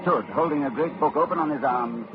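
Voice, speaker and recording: In the style of a 1940s radio horror drama, an actor narrates as a learned, grave man, telling the tale dramatically and solemnly. His voice is on the high side, fairly quick and lightly acted, and the recording sounds like a dull old radio broadcast with music.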